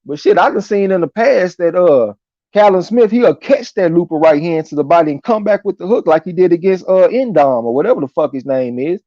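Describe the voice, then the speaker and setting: A man with a slightly high, mellow voice hosts a live boxing chat. He talks casually, with slang and swearing, reading out comments and reacting. The audio is dry and somewhat dull and lo-fi. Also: expressive, a little fast, dry recording. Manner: slangy, profane, conversational.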